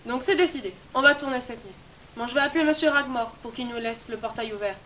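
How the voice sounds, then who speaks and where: A woman playing a young documentary director who talks in a brisk, organizing way. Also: a little high, sharp tone, a little hiss or hum.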